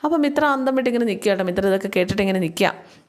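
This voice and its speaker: A woman's voice: medium pitch, lively intonation. Chatty woman retelling a serial's episode. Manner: chatty retelling, frequent drawn-out fillers, acts out quoted lines. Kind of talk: casual spoken story recap.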